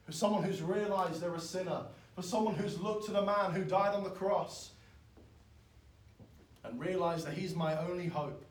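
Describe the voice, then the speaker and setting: A man, preaching a sermon in an earnest, pleading way that swells loud and then drops soft. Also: sits high, fairly even intonation, moderate pace. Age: 20s. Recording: echoey, from far off.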